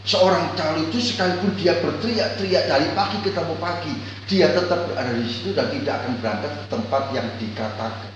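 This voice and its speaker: A man voicing a calm father patiently explaining things to his son. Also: fairly high pitch, brisk, hardly any pauses, dull audio, soft background music, natural voice. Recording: echoey church hall, far mic.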